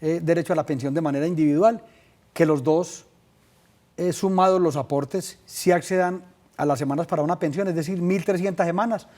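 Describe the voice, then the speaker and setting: Man, Colombian accent, legal expert, measured explanations, mellow dark tone, slightly high voice. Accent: Colombian Spanish. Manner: measured, explanatory, uses many fillers. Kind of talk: explaining pension law on a call-in show. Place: TV studio.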